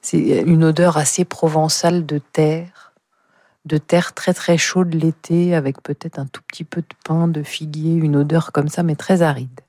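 A woman's voice: low voice, flat delivery, unhurried, dark tone, dry recording, studio quality. A woman author answering interview questions hesitantly, searching for words and making light of herself.

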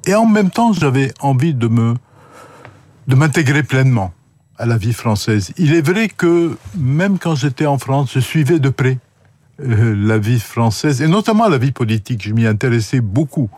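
A man from Lebanon answering interview questions in a measured, thoughtful way, pausing often mid-sentence. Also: mid-range voice, animated, a little mellow, no echo. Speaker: interview guest. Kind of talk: reflective radio interview answers. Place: radio studio.

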